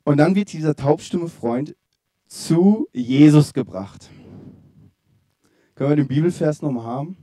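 Lively young male preacher, mellow tone. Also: fairly high pitch, measured pace, pauses often. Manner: lively, conversational storytelling with direct questions to listeners. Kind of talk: sermon.

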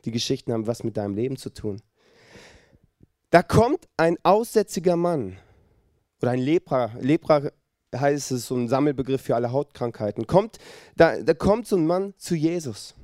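A pastor preaching a lively sermon and speaking directly to his listeners. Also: mid-range voice, moderate pace, dry recording, studio quality.

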